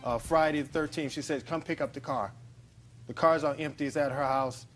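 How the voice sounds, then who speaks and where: A man's voice: fairly high pitch, steady tone, a little fast, faint music behind. Matter-of-fact man testifying in court. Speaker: plaintiff in TV small-claims court. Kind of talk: plain spoken testimony.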